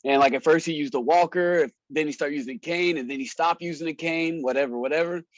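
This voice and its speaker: Man, wrestler telling stories, laid-back and slangy, laughs a lot, fairly high voice, dry close sound. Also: fast talker, dry recording, muffled recording. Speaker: wrestler and show promoter. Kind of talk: casual storytelling in a podcast interview.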